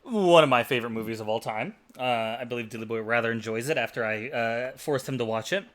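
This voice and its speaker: A man's voice: medium pitch, quick pace. A man from Texas hosting a casual podcast, laid-back and hesitant, with frequent fillers. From Texas, USA. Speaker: podcast host.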